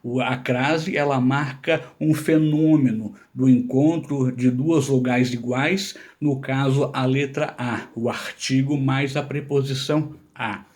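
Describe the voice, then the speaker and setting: A man's voice: medium pitch, steady tone, slow pace, hardly any pauses, a little mellow. A man giving an informal grammar lesson, explaining patiently and checking in with his listeners. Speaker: Portuguese language teacher.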